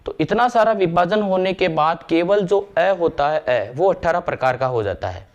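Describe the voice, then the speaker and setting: A man explaining grammar step by step, slowing down to recite verses and sounds. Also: on the high side, animated, dull audio. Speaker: Sanskrit grammar teacher. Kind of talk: classroom lecture.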